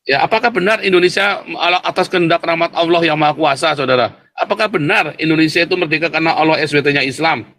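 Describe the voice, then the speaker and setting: A man's voice: fairly high pitch, quick pace, a bit bright. Mocking man hosting a livestream. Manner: mocking, provocative, keeps addressing viewers directly; laughs scornfully. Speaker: livestream host. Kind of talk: livestream commentary.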